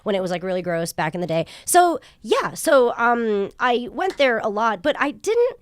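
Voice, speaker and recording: A young woman, a guest on a podcast, chatting casually and reacting quickly. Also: on the high side, clean tone, dry recording. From grew up in New Jersey, born in Japan. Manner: animated, quick reactions and laughs.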